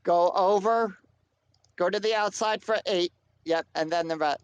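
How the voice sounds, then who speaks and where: A man playing a board game, talking in a relaxed, joking way while calling his moves. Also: high-pitched, unhurried, dull audio, slight background noise. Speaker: player. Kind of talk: casual game talk.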